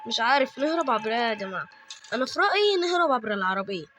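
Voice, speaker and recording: A man's voice: extremely high pitch, big pitch swings, rapid-fire, sharp tone, a little hiss or hum. A man with an Egyptian Arabic accent doing let's-play horror game commentary, chatty with viewers and yelping at sudden frights. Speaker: gaming YouTuber.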